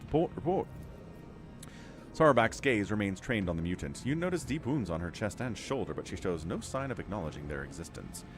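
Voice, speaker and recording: A man's voice: low voice, very animated, fast, few pauses. A man playing a video game, mixing casual commentary with dramatic reading of the story text. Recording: clear game music behind voice.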